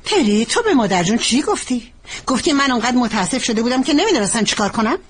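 An actress dubbing a polite young wife who is hurt and resentful, in a TV drama. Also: female voice, a little high, very animated, slightly rough. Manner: polite, then sharply resentful. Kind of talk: Persian dub of a TV drama.

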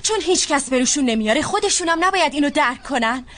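A defiant, high-voiced young woman. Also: lively intonation, a bit bright. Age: young adult. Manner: indignant, talks back. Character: defiant young woman, sharp-tongued, rude to elders. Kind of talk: dubbed drama acting.

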